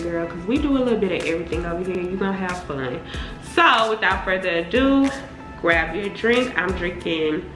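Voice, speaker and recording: A young adult woman with a medium-pitched voice and roomy sound chats casually with her viewers in informal slang, a get-ready-with-me talk from a beauty vlogger. She sounds congested from a cold.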